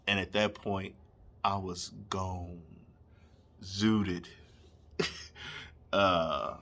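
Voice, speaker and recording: A man's voice: on the low side, bright, forceful tone. A young man, telling a comedic story casually and animatedly, laughing and acting out scenes. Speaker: storyteller vlogger.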